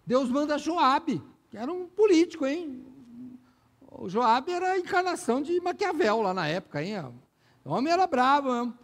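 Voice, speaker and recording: Brazilian pastor guy, high voice, talking straight to the congregation in a sermon. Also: very animated, normal speed. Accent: Brazilian Portuguese. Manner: conversational preaching, frequent direct address to the congregation.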